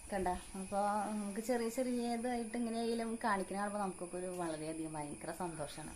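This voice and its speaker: A mother with a Kerala Malayalam accent, talking in a home vlog. She coaxes her young son in a sing-song voice and calmly explains things to the viewers. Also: medium pitch, brisk, a little hiss or hum. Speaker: mother of the vlog's child. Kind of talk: casual home vlog talk with her child.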